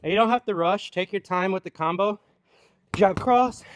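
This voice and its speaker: High-pitched male boxing coach calling drills. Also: steady tone, brisk, a bit bright, no echo. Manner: clipped, rhythmic call-outs of punches; calling out while hitting a punching bag. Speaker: boxing coach leading a follow-along workout.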